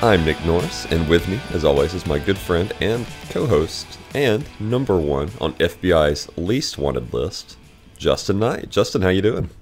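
Man, low voice, sports podcast host, casual talk and news items, low quality stream. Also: big pitch swings, moderate pace, soft background music. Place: away from usual studio, on vacation. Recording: low quality stream, improvised holiday setup.

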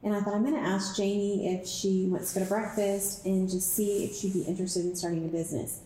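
A woman in her forties from Dallas answers interview questions about her company. She speaks in a relaxed, plain way, and her voice is warm and dark. The office around her sounds echoey, with a faint hum behind. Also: medium pitch, fairly quick. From Dallas, Texas. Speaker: business co-founder, guest.

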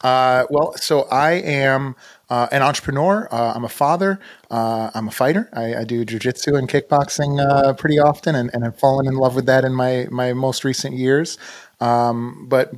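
Thoughtful man with a mid-range voice. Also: mid-range voice. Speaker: podcast guest, entrepreneur. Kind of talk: reflective conversational interview.

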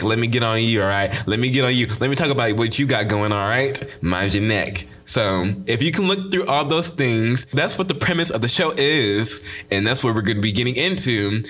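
A young adult man hosts his own podcast, giving a casual solo intro. He talks sassily and emphatically, repeats his catchphrases, and has a slight lisp. His voice is medium in pitch and a bit bright.

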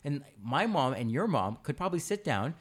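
A man's voice: a little high, sing-song, moderate pace. A young Canadian man co-hosting a casual podcast, patiently explaining his view and acting out what other people say. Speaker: podcast co-host. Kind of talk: casual chat.

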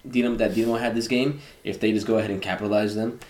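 Fast-talking man co-hosting a chat show. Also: fairly low pitch, fairly even intonation, a little mellow, a little hiss or hum. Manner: rambling, leans heavily on "you know" and "uh". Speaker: podcast co-host. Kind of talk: casual podcast chat.

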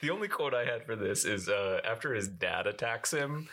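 A man co-hosting a movie review podcast, chiming in with quick agreements and laughing easily. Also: mid-range voice, animated, sharp tone. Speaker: podcast co-host. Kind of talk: casual chat.

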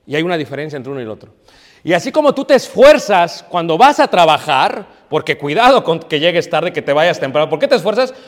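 A man's voice: a little high, long reverb tail. A male pastor preaching a sermon, scolding his congregation and asking them questions he answers himself. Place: church hall.

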